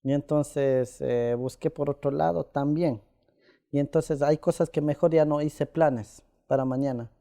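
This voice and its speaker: Soft-toned man. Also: on the high side, steady tone, creaky. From Ecuador. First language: Quichua. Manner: halting, with many pauses and "eh" fillers. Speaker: interviewee. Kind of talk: casual conversation.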